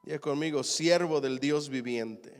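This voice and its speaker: A slow-speaking man with a slightly high voice preaches a sermon, reading scripture aloud and building to loud emphatic declarations before dropping low again. He has the congregation repeat phrases after him. The church hall rings with long reverb, and soft music plays underneath. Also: clear, resonant tone. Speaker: pastor teaching a Bible class.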